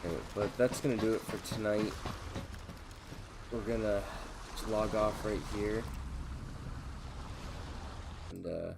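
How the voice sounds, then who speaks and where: Tired gaming streamer guy, deep gravelly voice, noisy stream audio with game sounds behind. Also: measured pace, long pauses. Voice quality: monotone, low and gravelly. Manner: low-key, trailing off, many fillers. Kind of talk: casual gameplay commentary.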